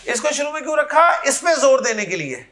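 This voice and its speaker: A man's voice: extremely high pitch, big pitch swings, bright, forceful tone. A man teaching Arabic grammar in a classroom lecture, explaining step by step and checking that his students follow.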